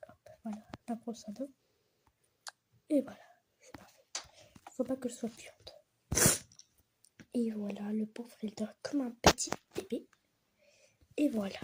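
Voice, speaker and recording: Brief: woman player narrating a doll-house game, whispered asides, high voice, noisy recording. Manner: often drops to whispered asides. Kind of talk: game role-play narration.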